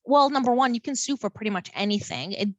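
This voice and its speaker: A woman professor lecturing a college class over a video call, chatty and lively, often repeating words. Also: on the high side, quick pace, dry recording.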